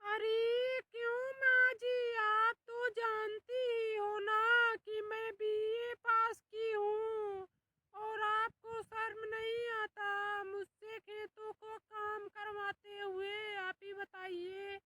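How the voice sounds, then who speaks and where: Brash young bride voiced by a woman, high, flat delivery, slow and cutting. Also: a little hiss or hum, full character voice. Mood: defiant. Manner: brash, threatening, ends lines with "theek hai?". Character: sharp-tongued young daughter-in-law, defiant and boastful.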